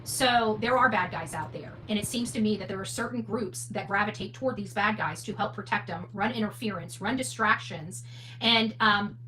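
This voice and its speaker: This true crime livestream host speaks in a bright, forceful mid-range voice, improvising replies to viewer comments with blunt, emphatic opinions and rhetorical questions. The rough recording carries noticeable background noise with a hum.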